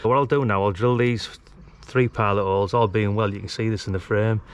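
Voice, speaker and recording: A British DIY vlogger and radio hobbyist gives a casual, colloquial hands-on tutorial while working outdoors at a house's brick wall. He speaks a little fast in a lowish, steady voice, and the lo-fi recording has clear background noise from the outdoor work.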